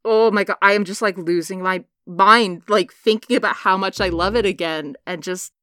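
A woman's voice: medium pitch, normal speed, sharp tone, dry recording, clean studio sound. A young woman in casual fan chat, gushing and laughing often, swearing freely as she talks.

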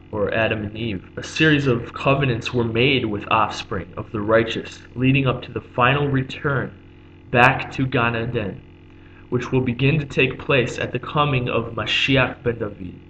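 A religious teacher at an ordinary middle pitch gives an unscripted lesson, halting often with "um," restarting phrases, and glossing each term again. His voice is a bit bright, and the dull, lo-fi recording carries a faint hum underneath.

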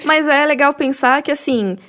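Mulher com sotaque brasileiro, coapresentadora de um podcast, explicando com entusiasmo e cheia de "né" e "tipo". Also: female voice, sits high, moderate pace, a bit bright. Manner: enthusiastic, explains at length with many "né" and "tipo". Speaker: podcast co-host. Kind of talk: casual chat about a book.

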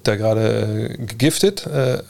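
Guy on a stream talking hoops, lowish voice w lots of vocal fry, slangy, drops english words in. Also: a little slow, darkish tone. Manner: colloquial, peppered with English slang and sports terms. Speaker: livestream host and basketball podcaster. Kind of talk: casual livestream chat answering viewer questions about basketball.

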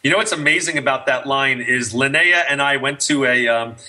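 A man's voice: mid-range voice, fairly quick, bright, forceful tone. A man hosting a show in casual, chatty talk with an enthusiastic, jokey manner. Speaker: host of a business coaching show.

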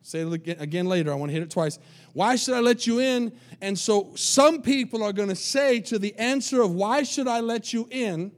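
A man's voice: high-pitched, animated, normal speed. A pastor delivers his sermon with emphatic repetition. He keeps checking in with the congregation to make sure they are following him.

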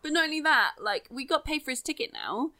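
A woman's voice: high-pitched, sing-song, brisk, a crowd in the background. Giggly chatty woman. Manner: giggly, chatty, trails off with fillers. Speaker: podcast co-host. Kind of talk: casual chat.

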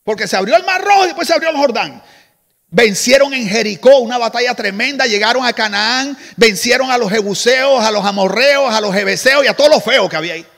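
Man preaching, high voice, lively and joking with the crowd, long church-hall reverb. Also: fairly quick. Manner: animated, joking asides to the congregation. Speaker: pastor. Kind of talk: sermon.

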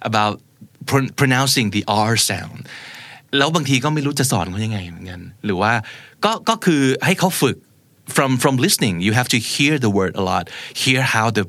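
A Thai man teaching English pronunciation, explaining in Thai and slowly modelling English words for the learner to repeat. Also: mid-range voice, expressive, a bit bright, no echo. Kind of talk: bilingual pronunciation lesson.

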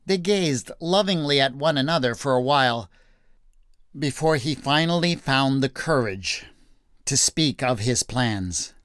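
A man narrating a retold Bible story in a measured, gentle storytelling manner. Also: medium pitch, lively intonation, clean tone, dry recording, studio quality. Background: faint background music.

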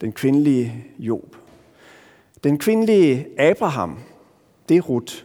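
A Danish man preaching a sermon as pastor, earnest and searching, often restarting phrases and pausing for emphasis. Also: mid-range voice, sing-song, warm tone. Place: church. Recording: long church reverb.

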